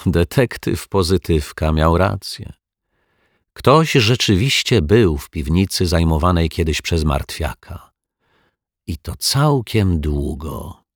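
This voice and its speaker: A man narrating a children's detective story in a steady, unhurried reading. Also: low-pitched, no room sound, studio quality. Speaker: audiobook narrator.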